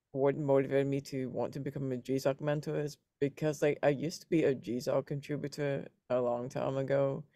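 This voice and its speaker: Hong kong guy on a call, gravelly voice, lots of ums. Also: medium pitch, no echo, clean studio sound. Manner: relaxed, filler-heavy, self-correcting. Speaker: meetup participant, GSoC mentor. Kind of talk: casual video call introduction.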